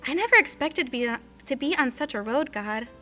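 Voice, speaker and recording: Brief: devoted young husband on a hard journey, earnest and prayerful; a woman narrator reads him in a high, bright voice. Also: lively intonation, a little fast. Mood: anxious prayer. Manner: earnest, prayerful inner monologue. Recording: faint music underneath.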